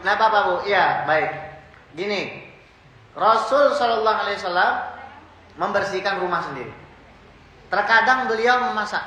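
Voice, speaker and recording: A male preacher with a bright, somewhat high voice speaks in a casual, teasing style as he tells stories to a live audience. The talk is recorded live in an echoey hall, with faint noise underneath. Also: animated, normal speed, pauses often. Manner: conversational, teasing, storytelling, addresses women in audience.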